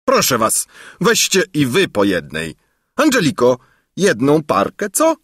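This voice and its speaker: A man's voice: a little high, wildly swooping pitch, a little slow, a bit bright, slightly rough, no room sound, studio quality, voice pushed up, heavily acted. A man voicing an impatient, greedy old king in a storybook reading, fussy and bossy. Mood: coaxing.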